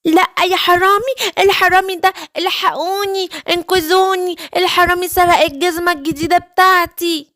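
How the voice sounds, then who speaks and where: A woman's voice: fairly even intonation, a little fast, bright, forceful tone. A woman voicing a cheerful young girl giraffe in a children's story, with an Egyptian Arabic accent. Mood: panicked. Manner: bubbly, shrill when scared.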